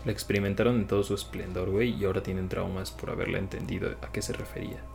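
Young man, Mexican accent, gravelly, slang-heavy casual podcast chat, faint music underneath. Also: low-pitched, level tone, quick pace, a little mellow. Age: young adult. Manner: slangy, swears casually, fillers. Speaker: podcast co-host.

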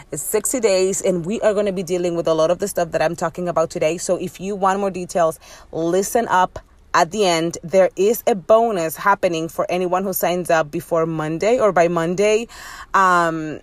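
Lower-pitched Dominican-accented woman, candid coach. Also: no echo. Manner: conversational, direct address, with frequent y'all. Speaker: podcast host and business coach. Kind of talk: candid motivational monologue to listeners.

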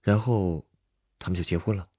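A man's voice: sits low, moderate pace, mellow, no room sound, studio quality. A man co-hosting a chat, reacting to a story with short, curious questions. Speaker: co-host. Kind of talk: conversational prompting.

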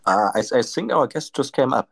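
A man's voice: medium pitch, big pitch swings, brisk, vocal fry, a bit bright, slightly rough, no room sound. A man co-hosting and interviewing off the cuff, a little hesitant and repeating words. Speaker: co-host, interviewer. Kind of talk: unscripted interviewing.

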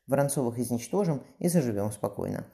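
Man voicing a cruel young tsar, dark and quick. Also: medium pitch, expressive, vocal fry. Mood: tender.

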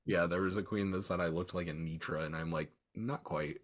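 A man co-hosting a podcast, telling animated stories in casual chat with crude jokes. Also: deep voice, quick pace. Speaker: podcast co-host; teacher.

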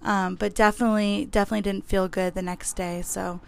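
A woman's voice: mid-range voice, little pitch movement, brisk, creaky, clear, resonant tone. A young woman with a nasal voice, congested and sniffly from a cold, hosting a casual, candid, rambling solo podcast. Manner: candid, rambling, informal with swearing. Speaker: podcast host.

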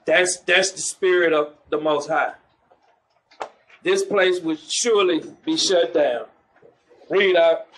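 A man's voice: fairly high pitch, takes it slowly, long pauses, fairly bright tone, a little hiss or hum, low-quality recording. A man preaching in the street, mocking churchgoers and calling for the next verse to be read. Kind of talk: street preaching with scripture reading.

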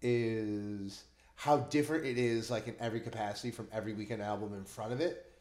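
A man's voice: fairly low pitch, steady tone, a little fast, darkish tone, reverberant. A man hosting a casual music podcast, talking enthusiastically with lots of fillers. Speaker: podcast host. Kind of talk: casual chat.

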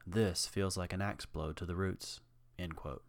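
A man narrating a documentary in a measured, earnest storytelling manner, reading out quotations. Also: low-pitched, steady tone, no room sound. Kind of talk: scripted narration.

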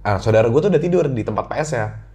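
Talking fast at medium pitch, a young podcast guest with a Jakarta slang accent animatedly recounts a ghost story from his childhood in casual chat. He voices his younger self as he tells it.

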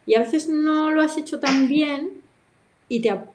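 A woman's voice: sits high, unhurried, a little hiss or hum. Chatty middle-aged woman. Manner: lively storyteller who acts out other people's voices and laughs often. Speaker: interview guest, kendo practitioner. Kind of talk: casual anecdotal chat.

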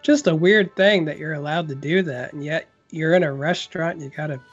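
High-pitched male podcast co-host, rambling storyteller, dull audio. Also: a little fast, soft background music. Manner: rambling, animated storytelling with many restarts. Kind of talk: casual chat.

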